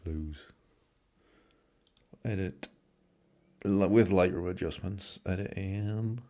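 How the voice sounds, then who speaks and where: Slow and warm, with a low pitch, this is the voice of a middle-aged British livestream host who speaks British English. He jokes and greets viewers by name while editing photos on a casual stream from his home studio room, and he sounds a bit tired.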